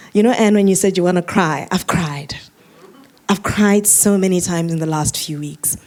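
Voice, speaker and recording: A woman's voice: mid-range voice, a little mellow. A woman giving a prepared speech as a presenter, emphatic and declarative.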